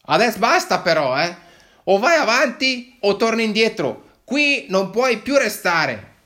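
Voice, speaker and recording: A man's voice: big pitch swings, a little slow, exaggerated voice. A man voicing a surly, dismissive woman behind a café counter in a spoken story. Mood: scolding. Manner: sharp, scolding, high-pitched.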